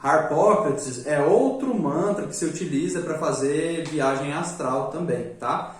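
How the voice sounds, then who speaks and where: A man teaching a live class, casual and joking, often tagging his points with a quick question. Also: on the high side. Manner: joking, chatty, repeats "né?" often. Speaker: magic course teacher. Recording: echoey room, distant mic.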